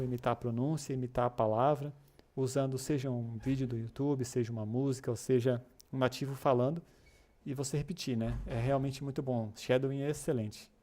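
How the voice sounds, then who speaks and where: This is a casual live-stream English lesson for developers, with the host reading out chat comments as he goes. His voice is mellow and mid-range, and his manner is chatty and encouraging, peppered with fillers and false starts.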